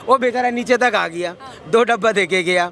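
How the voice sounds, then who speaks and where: A man's voice: high-pitched, moderate pace, vocal fry, sharp tone, a faint crowd. A man answering a reporter's questions on the street, talking over her insistently to make his point. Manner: insistent, keeps interrupting to be heard. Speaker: interviewee in street vox pop. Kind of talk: heated street debate. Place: outdoors on a city street.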